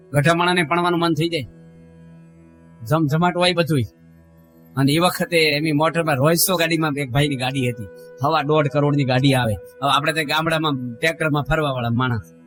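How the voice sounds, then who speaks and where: A man's voice: on the high side, fairly even intonation, brisk, music in the background. A middle-aged man, a monk giving a sermon full of stories and acted-out quotes. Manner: storytelling, acting out quotes, rises and drops in voice. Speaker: monk giving a religious discourse. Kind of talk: sermon with anecdotes.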